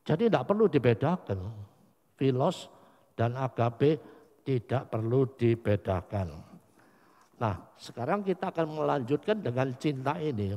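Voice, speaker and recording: A man's voice: mid-range voice, a little slow. An older man preaching a sermon, who acts out little dialogues between the people he talks about. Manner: animated, acts out dialogue in changing voices. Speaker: pastor. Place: church sanctuary. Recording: live church hall with long reverb.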